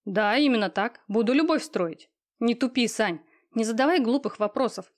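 A woman's voice: on the high side, expressive, normal speed, lightly acted. A woman voicing a smug, cold, lazy young man in an audiobook, talking in an offhand, sneering way with coarse slang. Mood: boastful. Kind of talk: audiobook reading.

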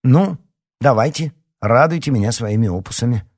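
Man voicing a bossy teen girl editor, sharp commanding manner, audiobook, husky voice. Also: mid-range voice, animated, normal speed, voice pushed up. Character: stern young female school newspaper editor.

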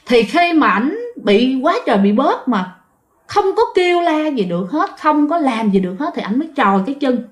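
A woman's voice: sits high, big pitch swings, normal speed. A woman with a Southern Vietnamese accent, casually telling a ghost story and speaking straight to her listeners. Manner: chatty, addresses listeners directly, frequent fillers.

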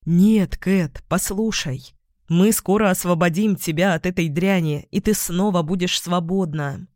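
A loyal young friend, calm and earnest, voiced by a woman narrator. Measured and unhurried, close and dry. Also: lowish voice, dry recording, close to an everyday voice.

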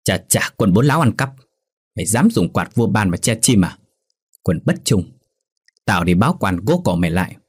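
A man's voice: lowish voice, sing-song, moderate pace, long pauses, husky, no room sound, studio quality. A man voicing a greedy, crafty old village landlord in a folk storybook tale, coaxing and blustering.

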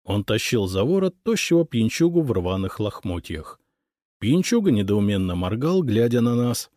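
A man's voice: lowish voice, sing-song, moderate pace, dark tone, dry recording, studio quality. A man reading a first-person story as an audiobook narrator.

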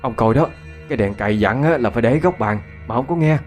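A man's voice: medium pitch, expressive, fast, darkish tone, faint music behind, natural voice. A man voicing an anxious, fretting mother in a narrated ghost story. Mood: fretful. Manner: fretting, exclaiming.

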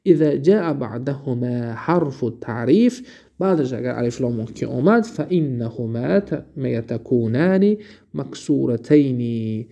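A man with a Tajik-inflected Persian accent teaching Arabic grammar from a textbook, reading examples slowly and then explaining them quickly, often asking the listener questions. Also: mid-range voice, animated, vocal fry, mellow, highs cut off. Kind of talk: recorded lesson explaining a textbook.

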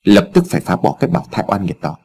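A man's voice: low-pitched, wildly swooping pitch, fast, darkish tone, voice pushed down, full character voice. A man voicing a stern, scheming wealthy father who talks in curt, scornful commands, in a storybook reading. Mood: harsh.

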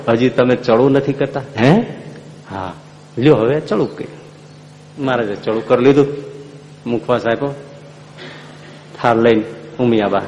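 A man's voice: mid-range voice, darkish tone, long reverb tail, low-quality recording. A man telling a devotional story as a sermon, acting out the dialogue and singing snatches of song. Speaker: preacher.

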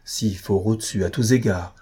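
A man reading an audiobook, voicing an impetuous, remorseful young gentleman who speaks in an impassioned, earnest and pleading way. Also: fairly low pitch, normal speed, breathy edge. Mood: confessional.

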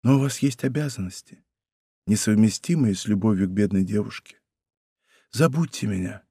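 A man voicing a fragile, despairing young woman in an audiobook, speaking softly and pleadingly, close on a studio mic. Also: lowish voice, expressive, normal speed, husky, no room sound, pitched below the performer's own voice. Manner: soft, hushed, pleading. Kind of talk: audiobook character voice.

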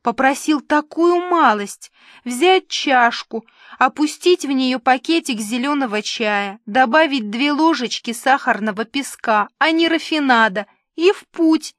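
A petulant, pampered male celebrity, voiced by a woman reading a story aloud, whining and fussing theatrically. The voice sits fairly high, and the sound is close and dry with no room around it. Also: lively intonation, unhurried, a bit bright, no room sound. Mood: whiny petulant. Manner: whiny, fussy, theatrical complaining. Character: capricious whiny male TV star, pampered and petulant.

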